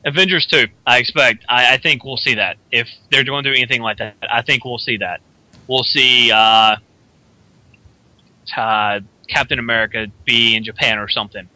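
Bright-voiced man giving opinions on a radio show. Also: medium pitch, steady tone, no room sound. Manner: opinionated, speculative, acts out quick character voices. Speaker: podcast co-host. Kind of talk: casual chat.

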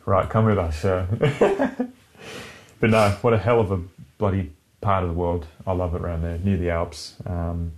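A man's voice: low voice, expressive, measured pace, darkish tone, slight background noise. A man co-hosting a podcast, chatting casually and sardonically and swearing freely. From Britain. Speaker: podcast co-host. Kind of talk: casual chat.

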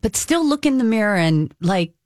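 A woman in her fifties chats about beauty on a radio show, upbeat, encouraging and emphatic. Her pitch moves in a lively, animated way, and the studio sound around her is dry and close. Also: normal speed, dry recording. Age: 50s. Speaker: beauty expert co-host. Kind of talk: casual radio chat.

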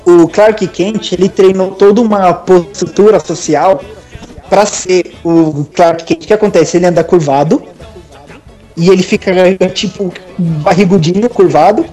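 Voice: mid-range voice, measured pace, warm tone, soft background music. A Brazilian co-host with São Paulo slang, explaining comics in casual chat, full of fillers like "tipo" and "sabe". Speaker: podcast co-host.

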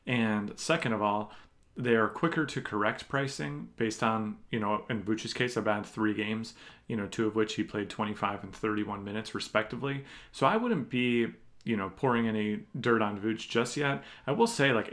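A man's voice: on the low side, normal speed, fairly bright tone. A man co-hosting a sports podcast, chatting casually and explaining his takes in a conversational, qualified way. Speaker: podcast co-host, fantasy basketball analyst.

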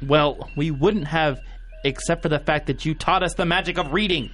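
A man's voice: a little high, moderate pace, fairly bright tone, a little hiss or hum, lightly acted. Man playing a gullible, childish cosmonaut. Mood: flippant. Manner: naive, flippant, slangy. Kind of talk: audio comedy drama acting.

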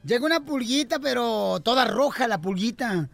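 A man's voice: very high voice, lively intonation, normal speed, creaky. A man hosting a radio show, playful and boisterous as he tells jokes. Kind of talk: lively radio joke telling.

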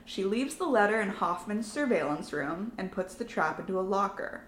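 A woman's voice: medium pitch, lively intonation, moderate pace. Woman podcast co-host, plot recap with jokey asides, roomy echo, faint hum. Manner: reads plot summary, joking asides. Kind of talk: casual movie recap chat.

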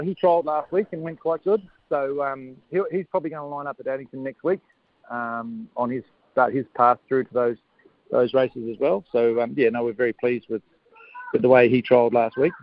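A man giving a casual radio interview as a horse trainer, hesitant, matey and low-key. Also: no room sound. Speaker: harness racing horse trainer, interview guest. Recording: narrow, lo-fi phone-like line.

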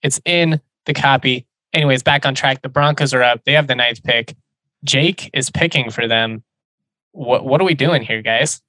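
A man's voice: mid-range voice, normal speed, sharp tone, no room sound. A man hosting a sports podcast, talking informally and chattily, slipping into conversational ad reads.

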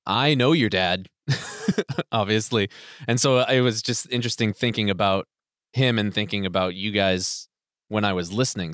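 Low-voiced man hosting a podcast. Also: a bit bright, dry recording, studio quality. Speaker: podcast host. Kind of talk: casual podcast chat.

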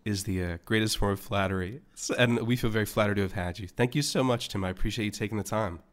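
A man hosting a podcast, warmly and effusively thanking his guest in casual chat. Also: lowish voice, fast. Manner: effusive, grateful. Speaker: podcast host.

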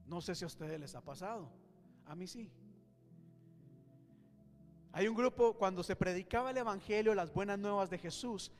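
Male pastor, sermon, loud then hushed, long church-hall echo, soft music behind. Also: sits high. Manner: lively, swings between loud and hushed.

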